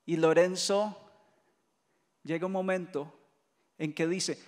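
High-voiced Colombian priest preaching in a reverberant hall. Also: male voice, takes it slowly. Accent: Colombian Spanish. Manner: lively storytelling preacher who mimics voices and jokes. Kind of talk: retreat sermon.

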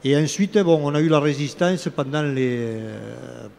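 On a live talk-show set at a fair hall, a local elected official in his sixties answers questions into a red handheld mic. His medium-pitched voice is lively in intonation, unhurried, a little mellow and touched with vocal fry, though he hesitates with frequent fillers and restarts. The hall sounds faintly behind him.

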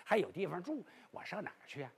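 A cowardly trickster bluffs his way out of trouble in a high, rasping voice that leaps about in pitch, put on by a male storyteller. He stammers and rushes his boasts, all bluster and no courage, like a rogue in a traditional storybook tale. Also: big pitch swings, heavily acted. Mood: sly.

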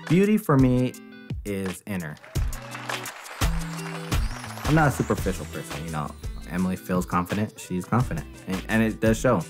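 A man in his thirties, a pageant dad, talking in a soft-spoken, halting interview with many fillers. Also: low-pitched, sing-song. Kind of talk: reality TV interview. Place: salon interview corner. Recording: music bed underneath.

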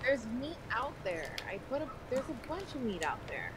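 A woman's voice: fairly high pitch, big pitch swings, moderate pace, crowd noise. A young woman streaming a game with a friend, laughing and swearing playfully in casual chat.

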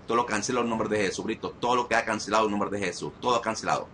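Commanding low-voiced man in prayer. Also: very fast, very noisy. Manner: commanding, repetitive, rising to shouted commands. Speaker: deliverance minister. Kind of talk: live deliverance prayer.

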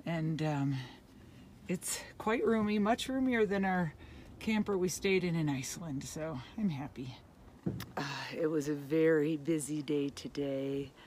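A woman's voice: sits low, a little mellow, a little hiss or hum. A woman in her fifties chatting casually to her phone camera while camping in a van, laughing often. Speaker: vlogger. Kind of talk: casual travel vlog. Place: camp van and forest campsite. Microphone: phone at arm's length.

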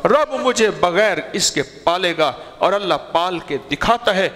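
A male preacher delivering a sermon with an animated storyteller's delivery, his voice rising and falling widely as he acts out the story. His tone sits a little higher than most men's. The sound carries a long reverb from a large hall. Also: a little hiss or hum.

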